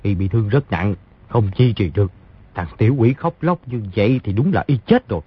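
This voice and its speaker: A man's voice: lowish voice, big pitch swings, fairly quick, husky. A man voicing a greedy smuggler thug in an audiobook, gloating. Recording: dull lo-fi dry recording.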